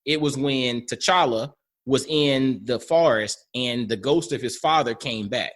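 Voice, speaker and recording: A male podcast host speaks reflectively, grows animated as he makes his points, and murmurs agreement while his guest talks. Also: mid-range voice, a little slow. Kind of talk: casual conversation.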